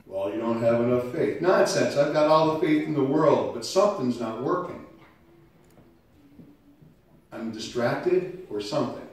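A male pastor with a head cold, preaching conversationally and swinging between loud emphasis and quiet, low passages. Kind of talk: sermon. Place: church sanctuary. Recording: echoey church from far off.

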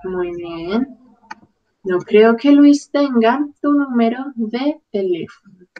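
A woman's voice: a little high, expressive, takes it slowly, muffled recording. A woman teaching a grammar lesson, carefully drilling verb forms one by one. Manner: careful, drilling word lists. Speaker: Spanish teacher.

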